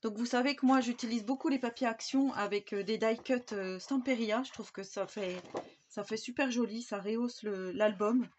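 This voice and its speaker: A woman from France talks casually through her new craft papers, pausing and restarting often. The sound is slightly dull, with a faint hiss behind it. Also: fairly high pitch, darkish tone. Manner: chatty, with many fillers and restarts. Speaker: scrapbooking YouTuber. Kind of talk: casual craft haul show-and-tell. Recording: slightly dull home recording with faint background noise.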